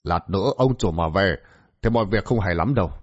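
A stern servant guarding the gate speaks curtly and quickly, as a male storyteller puts him on. The storybook audio is muffled and lo-fi. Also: low-pitched, lively intonation, breathy edge. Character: stern gatekeeping servant man.

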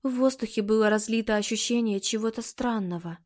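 A woman reading a story aloud as an audiobook narrator, measured and expressive. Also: fairly high pitch. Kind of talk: scripted narration.

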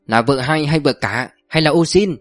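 A woman's voice: low-pitched, normal speed, no echo, studio quality, faint music behind, close to an everyday voice. Sly mocking businesswoman, read by a man. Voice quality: cool, mocking. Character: sly, sarcastic older businesswoman.

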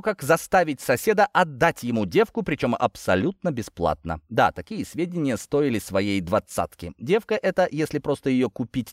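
A man narrating an audiobook in an expressive storytelling read. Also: mid-range voice, no room sound, studio quality. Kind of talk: scripted narration.

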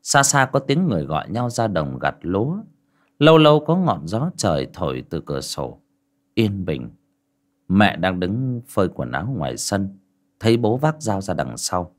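Male horror audiobook narrator, low voice with a lively, rising-and-falling delivery, measured and dramatic.

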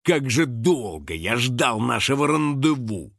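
A man's voice: mid-range voice, expressive, slow, a bit bright, dry recording, clean studio sound. A man voicing a gloomy grown male monster hunter who growls and gloats, proud of his line. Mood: menacing. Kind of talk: audiobook character voice.

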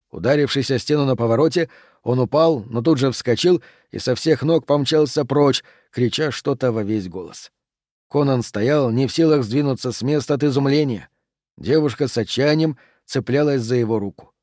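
A man reading an adventure story aloud, in even, measured storytelling narration. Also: medium pitch, dry recording, clean studio sound. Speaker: audiobook narrator. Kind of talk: scripted narration.

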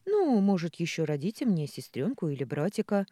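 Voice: mid-range voice, very animated, brisk, dark tone, dry recording, studio quality, pitched above the performer's own voice. Reader voicing a cheeky, teasing young pregnant woman.

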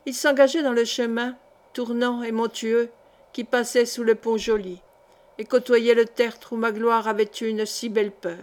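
Woman reading a historical novel aloud. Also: fairly high pitch. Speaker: audiobook reader. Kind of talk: literary audiobook narration.

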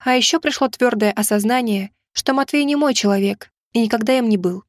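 A woman reads a first-person audiobook in an even, measured way. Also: on the high side, no echo, clean studio sound. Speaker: audiobook narrator.

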